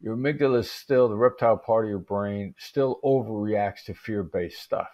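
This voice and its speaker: A man as an interview guest, explaining calmly and in measured terms, with occasional restarts. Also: lowish voice. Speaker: interview guest, negotiation expert.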